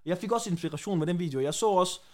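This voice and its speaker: A young man talks as a podcast guest in a loose, slangy way, full of laughter and animated stories. His voice sits a little high for a man. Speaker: guest, prank content creator. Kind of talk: casual podcast interview.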